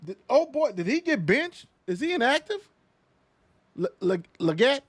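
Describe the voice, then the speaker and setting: High-voiced animated male sports host. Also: a little slow, no room sound. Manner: animated, slangy banter with lots of fillers. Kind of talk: casual sports talk.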